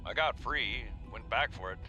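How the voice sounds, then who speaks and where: An actor playing a defensive, plain-spoken field worker in a video game, talking in a casual, normal way. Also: male voice, medium pitch, normal speed, highs cut off, music in the background, lightly acted. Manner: casual, normal conversational delivery.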